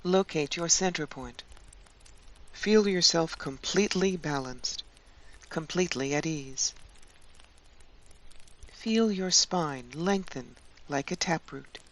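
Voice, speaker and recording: Slow, soothing woman guiding a meditation. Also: deep voice. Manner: slow, calm, soothing delivery with long pauses. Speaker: meditation guide and channel host. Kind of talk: guided meditation narration.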